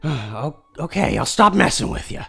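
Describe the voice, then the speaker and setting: A man voicing a pushy raccoon bully with a gruff manner in a comic dub. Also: fairly high pitch, sing-song, moderate pace, fairly bright tone, full character voice. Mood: strained, pleading. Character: pushy raccoon bully, cowed when pinned down.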